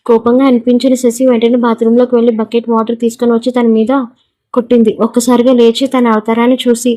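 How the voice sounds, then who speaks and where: A woman narrates an audio story in a steady, even manner. Her voice is mellow and soft, and the pitch stays flat and fairly high. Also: quick pace.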